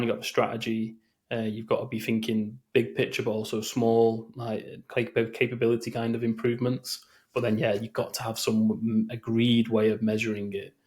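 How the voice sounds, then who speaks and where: A man with a medium-pitched, darkish voice co-hosts a podcast. He chats casually and rambles, with many fillers and restarts.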